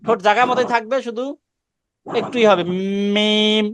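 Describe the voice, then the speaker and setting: A man's voice: high voice, flat delivery, normal speed, a bit bright, no echo. A man teaching Quran recitation on a video call, coaching students and correcting them with short repeated commands. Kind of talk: online class instruction.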